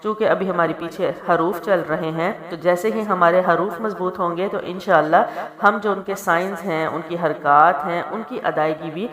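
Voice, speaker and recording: A woman's voice: lowish voice, steady tone, roomy sound, a crowd in the background. A woman teaching Quran recitation step by step, patiently explaining each sound and checking that her students follow.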